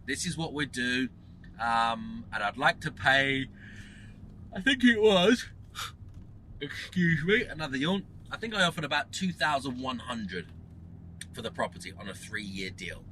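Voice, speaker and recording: A property investor hosting his own channel gives a casual teaching monologue, talking emphatically, repeating phrases and asking rhetorical questions again and again. His medium-pitched voice is animated with a sharp tone, at a moderate pace, on a rough recording with slight background noise.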